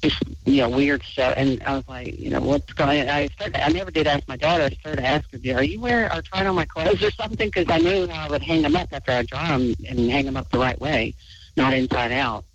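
A man's voice: mid-range voice, steady tone, fairly quick, crowd noise. Rambling man hosting late-night chat. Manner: rambling, with many restarts. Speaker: host. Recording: dull lo-fi audio.

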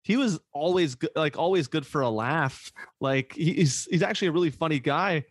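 A man hosts a laid-back podcast in a slightly higher voice. He talks excitedly, laughs often and swears in passing. The sound is close and dry, with no room around it. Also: normal speed, no echo. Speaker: podcast host. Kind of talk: casual chat.

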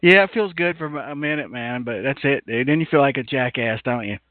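A man's voice: medium pitch, a little fast, dry recording. A man on a casual podcast, teasing and swearing, often laughing. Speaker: podcast co-host. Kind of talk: casual chat. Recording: dry phone-like line.

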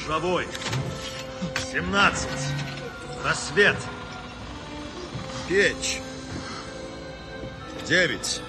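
An actor playing a cold male handler, slowly reciting a list of words in a film clip. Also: a little high, animated. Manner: slow, deliberate recitation. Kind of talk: film dialogue. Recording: film clip over loud music.

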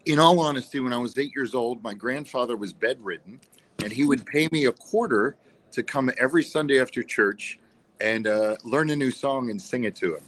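A man's voice: medium pitch, a little fast, low-quality recording. A man, a singer, guesting on a radio show and telling stories about his career with light jokes. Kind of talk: casual interview.

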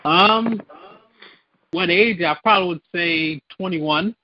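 A man's voice: high-pitched, a little hiss or hum. A man calling in to a radio show over a clipped phone line, speaking hesitantly with many ums and restarts. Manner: hesitant, halting with many ums and repeated words. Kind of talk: call-in radio chat.

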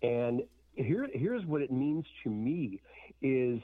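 A man's voice: medium pitch, very animated, slow pace, dry recording. A man telling a story as a band guest in a casual interview, candid and acting out what people said. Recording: slightly dull, dry audio.

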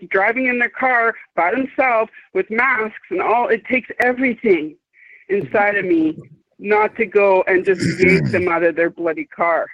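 A woman's voice: mid-range voice, no echo. A woman around fifty, calling in and talking in an emphatic, rambling, outspoken way with some swearing. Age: 50s. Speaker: caller. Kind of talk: casual chat. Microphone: phone. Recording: dry tinny phone line.

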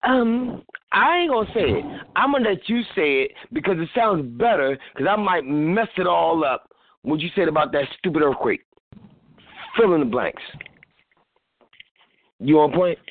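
A man's voice: fairly high pitch, moderate pace, pauses often. A man hosting a radio show, talking casually in a rambling way and acting out what people said. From Philadelphia. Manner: rambling, animated, acts out quotes. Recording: tinny phone-like line.

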